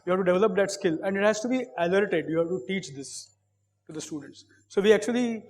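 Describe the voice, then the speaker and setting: A man with an Indian English accent giving an academic lecture as a professor, measured and repetitive, with many fillers and frequent "okay". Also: high voice, big-room sound.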